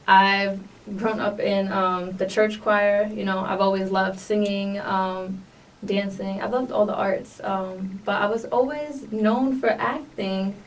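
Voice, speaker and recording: A woman's voice: mid-range voice, fairly even intonation, takes it slowly. Chatty young woman with a New York accent. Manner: upbeat, chatty, many fillers. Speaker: guest artist. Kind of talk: casual podcast interview. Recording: distant mic with faint noise.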